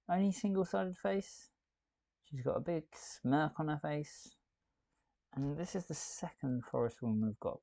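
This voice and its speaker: A man's voice: medium pitch, gravelly, mellow, no room sound. A man hosting a live building stream, chatting and thinking aloud as he works. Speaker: host.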